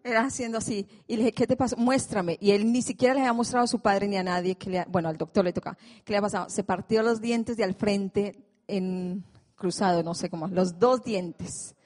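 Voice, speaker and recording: A woman in her forties, from Colombia, tells a personal faith testimony to a prayer group in a lively storytelling way, acting out her own prayers. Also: medium pitch, fairly quick.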